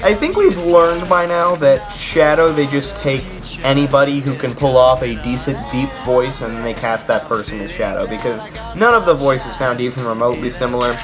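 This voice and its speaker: A man's voice: mid-range voice, normal speed, music in the background. A young man giving a casual, comedic video game review, sarcastic and jokey, ranting with mock outrage.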